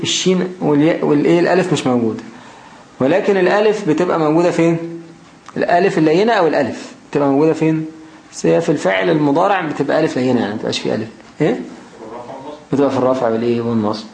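A man's voice: fairly high pitch, gravelly, darkish tone. Egyptian man teaching grammar in an echoey room. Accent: Egyptian Arabic. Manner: reads the text slowly, then keeps asking rhetorical questions. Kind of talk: explaining a grammar text. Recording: roomy echo, faint background noise.

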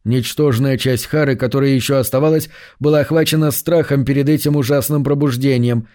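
A man narrating a science fiction audiobook in an even, measured way. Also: mid-range voice.

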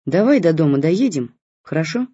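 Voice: medium pitch, big pitch swings, normal speed, mellow, husky, no echo, highs cut off. A reader voicing a tired mother giving short, curt replies. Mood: weary.

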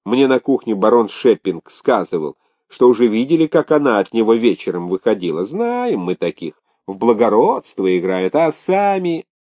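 A man's voice: mid-range voice, very animated, moderate pace, warm tone. A man reading an audiobook, voicing a sly, chatty young housemaid who gossips and scolds in a raised voice, on a dull lo-fi recording. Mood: gossiping.

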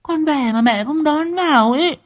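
A man's voice: extremely high pitch, moderate pace, voice pushed up. A man voicing the ghost of a young woman who has possessed a little girl and calls for her mother in a pleading, sing-song way. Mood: eerie calling.

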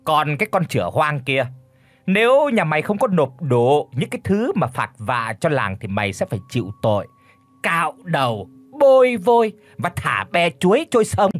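A man voicing a bullying, foul-mouthed old village chief who shouts threats and orders. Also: a little high, sing-song, normal speed, no echo. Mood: furious.

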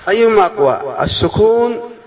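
A man teaching a class, quizzing his students with questions, drawing key words out slowly and putting on a student's puzzled voice. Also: high-pitched, expressive, lo-fi sound. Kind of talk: classroom lesson.

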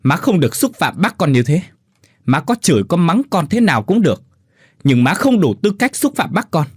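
A man's voice: fairly high pitch, sing-song, normal speed, slightly rough, dry recording, studio quality, pitched above the performer's own voice. A man voicing a pregnant young wife who pleads tearfully. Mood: desperate pleading.

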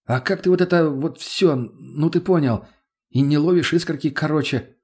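A man's voice: a little high, moderate pace, a little mellow, slightly rough, voice pushed up. A man doing a terrified pleading young mage. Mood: wary. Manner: pleading, stammering, gabbling. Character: terrified young male necromancer, whiny then sullen.

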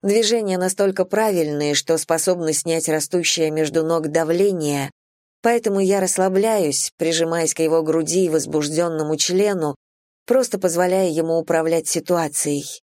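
A woman narrating a first-person romance audiobook in an even, intimate, low-key reading. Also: normal speed, dry recording, studio quality.

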